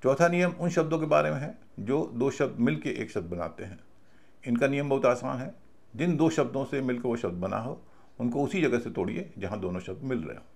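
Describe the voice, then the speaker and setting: A man's voice: mid-range voice, animated, fairly quick, creaky, darkish tone. A man teaching a recorded video class, explaining patiently and spelling out words letter by letter. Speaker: English pronunciation teacher.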